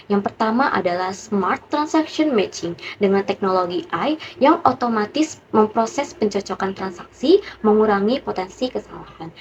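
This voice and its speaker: A young woman delivering a rehearsed, formal startup pitch as a student, steady and list-like. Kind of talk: rehearsed business pitch presentation. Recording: dull, lo-fi recording with faint background noise.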